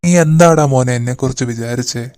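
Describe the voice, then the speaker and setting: ഒരു പുരുഷൻ കാർട്ടൂണിൽ ക്രൂരനായ തട്ടിക്കൊണ്ടുപോകൽ സംഘത്തലവന് ശബ്ദം നൽകുന്നു, പരിഹാസവും ഭീഷണിയും നിറഞ്ഞ സംസാരം. ശബ്ദത്തിന് മുറിയുടെ മുഴക്കമില്ല. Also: male voice, mid-range voice, fairly quick, darkish tone, clean tone, no room sound, natural voice. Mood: contemptuous. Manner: harsh, mocking, threatening. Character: ruthless male kidnapper boss. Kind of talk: cartoon voice acting.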